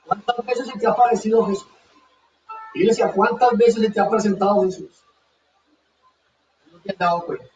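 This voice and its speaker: High-voiced fervent male preacher, echoey. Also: normal speed, pauses often, darkish tone, recorded from a distance, slight background noise. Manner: fervent, repeats phrases for emphasis. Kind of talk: sermon. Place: church hall. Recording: dull echoey church sound from afar.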